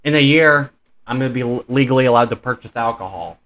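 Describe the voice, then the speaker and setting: A man's voice: medium pitch, fast, a bit bright. A man in his twenties hosting a reaction video, chatting casually and rambling with many fillers. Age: 20s. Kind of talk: casual chat.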